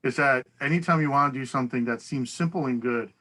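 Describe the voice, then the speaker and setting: A man with a bright, forceful tone runs a town council public hearing over a video call. He lays out the procedures in an easygoing way, with light laughs here and there. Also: medium pitch, fast talker, rough recording. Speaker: council meeting chair.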